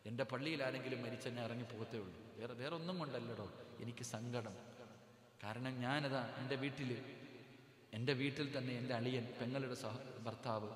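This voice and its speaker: A man preaching, his voice rising into pleading questions aimed at the crowd. His pitch sits in an ordinary middle range. The sound rings with heavy room echo and a long reverb tail, like a large hall. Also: fairly quick, a little hiss or hum. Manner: emotional, pleading, rhetorical questions to the audience. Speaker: Islamic preacher. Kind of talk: impassioned sermon.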